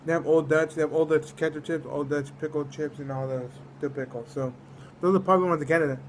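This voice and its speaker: A man's voice: fairly high pitch, fairly even intonation, fast, a little hiss or hum. A man from the United States giving a casual, rambling food review, often trailing off mid-thought. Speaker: snack reviewer.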